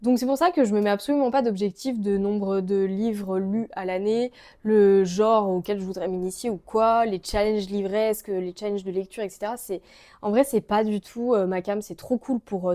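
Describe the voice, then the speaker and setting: Mellow-voiced chatty young French woman. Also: medium pitch, fairly even intonation, moderate pace. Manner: chatty and gushing, many fillers. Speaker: book vlogger. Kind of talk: casual chat to camera.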